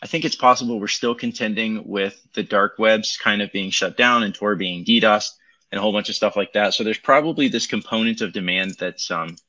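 A man's voice: fairly low pitch, brisk, sharp tone. A man talking casually through a tinny Bluetooth mic, rambling loosely with lots of ums as he walks through crypto charts on a livestream. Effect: tinny Bluetooth mic sound. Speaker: crypto market commentator. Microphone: Bluetooth headset.

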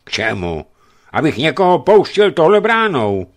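A man doing a hoarse grumpy gatekeeper. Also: on the high side, huge pitch swings, voice pushed up. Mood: gruff. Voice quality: hoarse, rough. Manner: grumpy, suspicious. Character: sleepy gruff male gatekeeper.

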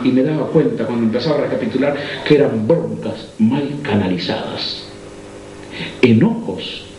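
A middle-aged man with a Rioplatense Spanish accent preaching a sermon, swinging between high fervent cries and low intimate tones. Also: mellow. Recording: echoey room, faint ambient noise.

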